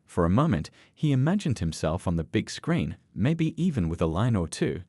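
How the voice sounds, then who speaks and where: A man narrating a scripted story in an even storytelling manner. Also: low-pitched, moderate pace, husky, dry recording, clean studio sound.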